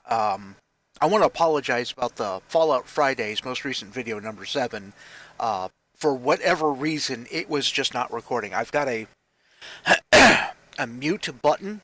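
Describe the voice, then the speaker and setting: Speaking into a headset in the basement of his home, a male vlogger in his 40s has a mid-range voice that comes across bright and forward. The casual talk is full of tangents and fresh starts as he runs himself down with tired, wry honesty.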